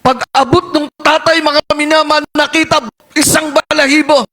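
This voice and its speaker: High-voiced male preacher telling a dramatic story. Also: level tone, normal speed. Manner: dramatic, keeps addressing the congregation as beloved, climbs to shouts at peaks. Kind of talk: storytelling sermon.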